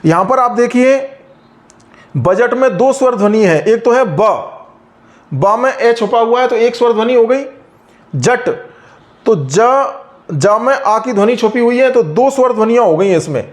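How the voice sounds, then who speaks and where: A man teaching an English grammar lesson, patiently explaining rules and slowly repeating example words. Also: very high voice, lively intonation.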